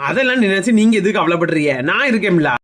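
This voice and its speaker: A woman's voice: mid-range voice, expressive, fast, natural voice. A woman playing a cheerful young companion with a Kanyakumari accent, upbeat and reassuring. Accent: Kanyakumari Tamil.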